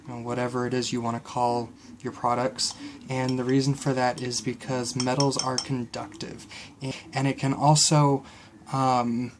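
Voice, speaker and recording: A man's voice: mid-range voice, a little hiss or hum. A man casually explaining a kitchen home remedy step by step, with frequent fillers. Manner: explains steps conversationally with fillers. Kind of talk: casual how-to tutorial.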